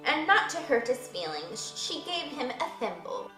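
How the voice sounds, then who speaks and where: A young woman reads a book excerpt aloud in an expressive, animated way. Her voice is high and bright. The room around her is echoey. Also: normal speed, faint music behind. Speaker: book reader and video host.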